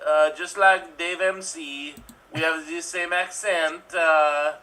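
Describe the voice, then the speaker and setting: A man's voice: on the high side, steady tone, slow pace, bright, forceful tone. A man doing an impression of a famous puppet frog working as a waiter in a French restaurant, with a mock French accent and a hesitant, fumbling delivery. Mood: hammy. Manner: hesitant, fumbling, stops to laugh at himself. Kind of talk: improv impression.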